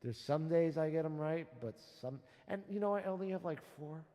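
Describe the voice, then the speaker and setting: A man's voice: on the high side, normal speed, mellow, in a large hall. A man hosting a casual music livestream from his home studio, rambling and joking about himself as he sets up. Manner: rambling, self-joking and chatty. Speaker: singer-songwriter livestream host.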